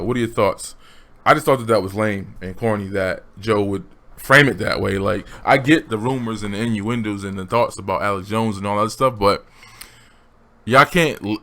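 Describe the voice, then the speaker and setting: A man's voice: lowish voice, bright, forceful tone. A man giving blunt, slangy opinion commentary straight to his viewers. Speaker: commentary vlogger.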